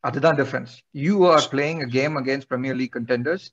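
A man's voice: medium pitch, rapid-fire, a bit bright. A man with a Tamil accent making blunt, short points in a casual football fan debate, switching between two languages. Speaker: panelist on a football fan show. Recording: dull muffled video-call audio.

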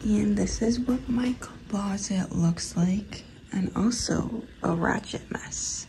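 A young woman vlogging from her dorm room in a casual, soft-spoken way, often half-whispering. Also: medium pitch, slow pace, vocal fry, low-quality recording. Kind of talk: casual vlog chat.

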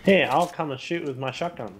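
A man's voice: on the high side, fairly quick. A man in a casual gaming chat, reacting with jumpy surprise and giving his teammates directions. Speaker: gamer playing with friends. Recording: gunfire and game noise behind.

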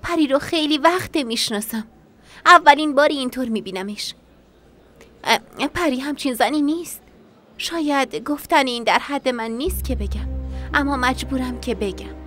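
A woman's voice: sits high, a bit bright, soft background music. A woman dubbing a longtime friend who earnestly voices her worry about a troubled woman. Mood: worried. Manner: worried, earnest. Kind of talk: Persian dub of a TV drama.

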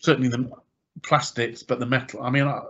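A man's voice: medium pitch, flat delivery, fairly quick, fairly bright tone, highs cut off. A man hosting a casual podcast chat, talking hesitantly with many fillers and repeated words.

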